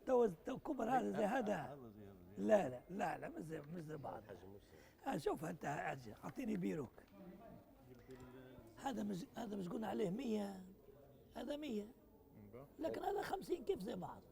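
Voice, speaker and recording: Very high, gravelly man coaxing a room. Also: big pitch swings, brisk, pauses often, a crowd in the background. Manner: playful, teasing, urging people on; switches between Arabic and English. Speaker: conference workshop facilitator. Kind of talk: interactive workshop puzzle, addressing participants.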